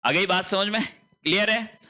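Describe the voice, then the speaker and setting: A man's voice: high-pitched, normal speed, sharp tone. A man teaching a spelling lesson, emphatic and repetitive, often asking rhetorical questions. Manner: emphatic, repeats words and asks rhetorical questions. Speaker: Hindi teacher.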